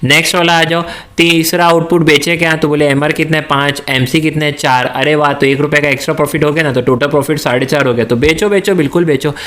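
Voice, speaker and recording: Animated man teaching a lecture. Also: fairly high pitch, quick pace, hardly any pauses. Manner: animated, asks questions and answers them himself; slips into Hindi-English mix. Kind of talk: classroom lecture.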